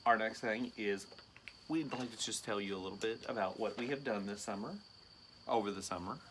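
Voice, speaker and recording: A man's voice: fairly low pitch, a little fast, a bit bright, a little hiss or hum. A man in his thirties, a teacher co-hosting a casual chat show, teasing his co-host with joking banter.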